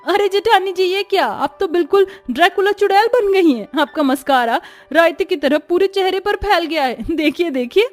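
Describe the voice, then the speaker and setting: A woman's voice: very high voice, animated, moderate pace, few pauses, faint music behind, voice pushed up. A woman voicing a cheeky young wife in a cartoon story, teasing and squealing.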